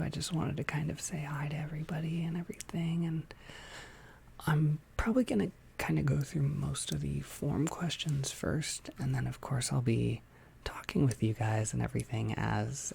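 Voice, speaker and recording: A young adult ASMR host talks casually to a livestream, mostly whispering. The voice is soft and very gravelly with heavy creak, halting and informal, with small clicks from a tongue piercing. A faint noise sits behind it. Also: mid-range voice. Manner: soft-spoken, hesitant, informal. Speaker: ASMR content creator hosting a livestream.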